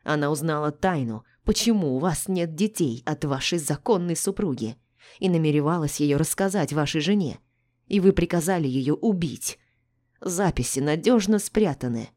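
A bitter middle-aged doctor from an audiobook snaps his lines with open contempt, as a woman reads him. The voice sits low and dark. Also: lightly acted. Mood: icy. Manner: harsh, snapping and contemptuous. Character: gruff embittered middle-aged male doctor.

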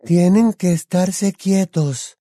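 A man voicing a dreamy teenage girl in an audiobook, speaking softly and slowly. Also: high-pitched, no room sound, clean studio sound, pitched above the performer's own voice. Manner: soft, slow, calm.

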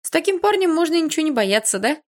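A woman's voice: high voice, fast talker, dry recording, studio quality, pitched above the performer's own voice. A woman voicing a chatty, gossipy teenage schoolgirl who teases her friend. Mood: teasing. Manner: lively, teasing.

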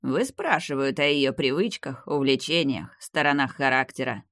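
A man reading the part of an old vampire clan head, the narrator's grandfather, in a grave, measured, weary manner. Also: mid-range voice, expressive, a bit bright, no room sound, studio quality. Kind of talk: audiobook character reading.

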